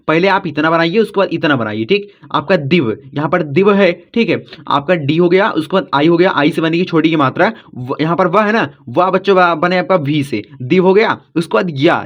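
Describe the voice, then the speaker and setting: A man teaching children to spell names in English, going slowly letter by letter and checking after each step that they follow. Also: on the high side, fairly bright tone. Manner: patient, repeats "ठीक?" after each step. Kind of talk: blackboard lesson for children. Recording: dull lo-fi audio.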